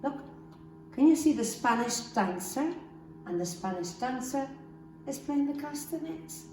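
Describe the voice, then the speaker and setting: A woman's voice: high voice, lively intonation, a little slow. A woman teaching phonics to young children like a kids show host, encouraging them in simple, sing-song instructions. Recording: roomy echo, distant mic, background music.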